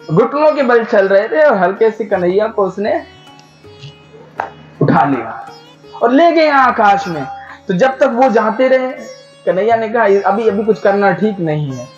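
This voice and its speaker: A man preaching a devotional sermon, telling a sacred story and urging the audience with animated questions. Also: extremely high pitch, dull audio. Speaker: katha preacher.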